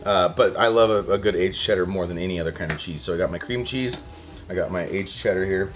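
A young fishing vlogger with a low-pitched voice talks fast while hosting a casual cooking vlog in a houseboat kitchen. Recorded on a close camera mic, he rambles chattily and often restarts.

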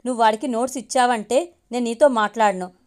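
A woman voicing a proud, sharp-tongued young college woman who scolds and brushes others off. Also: a little high, brisk, natural voice. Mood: scolding. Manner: scolding, dismissive.

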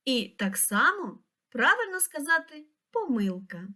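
A woman reading a scripted lesson for young children, pronouncing each word slowly and clearly. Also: fairly high pitch, sing-song, a bit bright. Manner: slow, clear, pronouncing words syllable by syllable. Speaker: teacher.

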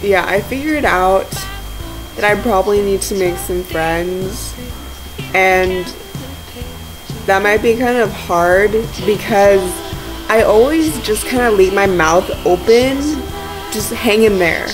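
A sleep-deprived young woman rambling casually to friends on a webcam at home, slangy and joking in a deadpan way. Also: medium pitch, takes it slowly, over music, low-quality recording. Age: young adult. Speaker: video blogger. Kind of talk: casual chat to friends on camera. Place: living room at home, indoors. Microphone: webcam or laptop mic at arm's length.

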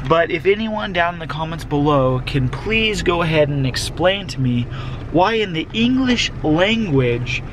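A man doing a playful mock-serious rant to camera from a car in a drive-thru. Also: a little high. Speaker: vlog guest. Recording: noisy car interior.

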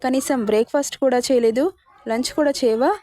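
A woman's voice: high-pitched, fairly quick, mellow, slight background noise, close to an everyday voice. A woman voicing a worried, loving middle-aged mother-in-law who fusses and questions in a told story. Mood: fussing. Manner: fussing, questioning. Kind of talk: storybook narration.

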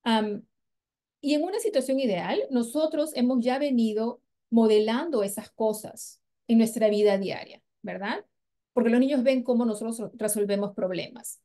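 A woman presents a parenting training in a patient, explanatory way. Her voice sits a little high, and she keeps checking that her listeners follow. When she shows how to question a child, she softens her voice. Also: moderate pace. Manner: patient, explanatory, frequent "¿verdad?" and "¿ok?" check-ins; models gentle questions to children in a soft voice. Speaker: parenting educator.

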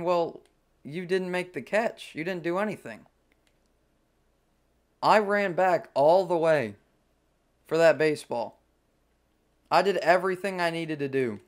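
A young gaming YouTuber with a somewhat high voice gives live commentary over a video game, breaking into excited and frustrated outbursts.

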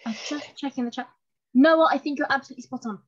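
A woman with a high-sitting voice talks fast in an informal, chatty, self-deprecating online presentation about fountain pens. She's at home indoors on a video call, and the call microphone gives dull, lo-fi audio.

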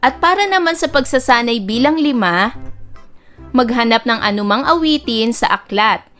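A woman music teacher giving a recorded lesson to children, speaking slowly and clearly. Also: a little high, animated, a bit bright. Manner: slow, clear teacher talk, breaks into singing nursery songs.

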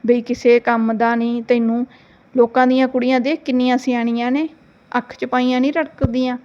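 A woman's voice: fairly high pitch, flat delivery, moderate pace, darkish tone, dull audio, lightly acted. Woman doing a grumbling old grandmother. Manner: grumbling, nagging.

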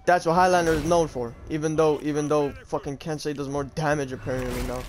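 A man's voice: on the high side, fairly even intonation, fast talker, a little hiss or hum. A man giving casual live gameplay commentary as a YouTuber, talking in an informal, slangy way with plenty of swearing. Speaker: gaming YouTuber.

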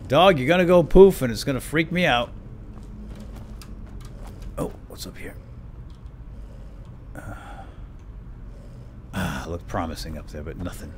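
A man commentating on a video game mutters to himself with playful asides, lightly playing a role. His medium-pitched voice swoops wildly in pitch, and he talks unhurriedly with long pauses, over cave ambience and effects from the game.

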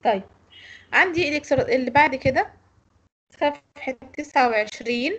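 A woman's voice: high-pitched, lively intonation, normal speed, a bit bright, slightly rough, muffled recording. An Egyptian woman teaching English pronunciation in an online lecture, explaining and correcting students. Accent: Egyptian Arabic.

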